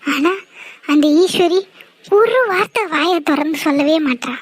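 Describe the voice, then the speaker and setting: Woman voicing a scheming cartoon aunt who coaxes slyly, high pitched. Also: animated, measured pace. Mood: coaxing. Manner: sweet-talking, scheming. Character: sly manipulative older aunt. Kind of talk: cartoon voice acting.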